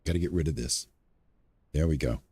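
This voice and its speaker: The voice is rumbling low, dark and husky, and moves a little fast. It belongs to a man in his sixties casually chatting to his stream's chat as he plays a farming game, upbeat and full of talk.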